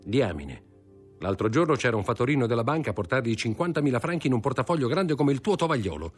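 Man reading as a brisk, disdainful young schemer; husky, quick. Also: medium pitch, big pitch swings, soft background music, voice pushed up. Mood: boastful.

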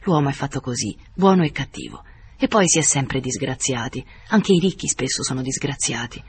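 A man's voice: mid-range voice, expressive, a little fast, a little hiss or hum, lightly acted. A man reading the lines of a humble old male servant in an audiobook, speaking in a plain, deferential way. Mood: earnest.

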